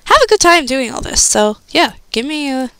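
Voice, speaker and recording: A woman's voice: high-pitched, big pitch swings, normal speed, pushed and bright, no echo, rough recording. A young woman streamer chatting casually and rambling as she thinks aloud while reacting to a video.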